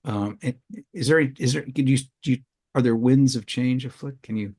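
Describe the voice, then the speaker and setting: A man's voice: mid-range voice, normal speed, darkish tone. Older man hosting, rambling questions. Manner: rambling questions with many restarts. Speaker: interviewer, show host. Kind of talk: podcast interview questions.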